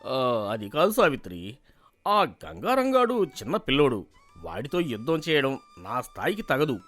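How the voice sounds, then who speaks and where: An actor playing a cowardly, boastful middle-aged village man in an animated story, who blusters and then whimpers. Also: medium pitch, unhurried, soft background music. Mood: sheepish excuses.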